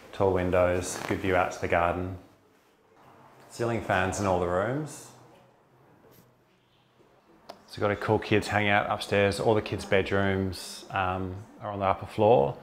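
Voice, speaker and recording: Australian man, 40s, architect showing off a home, lowish voice, lapel mic, faint ambience. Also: a little hiss or hum. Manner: enthusiastic, upbeat, with frequent fillers. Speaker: architect giving a house tour. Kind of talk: casual walkthrough narration. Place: inside and around a large suburban house.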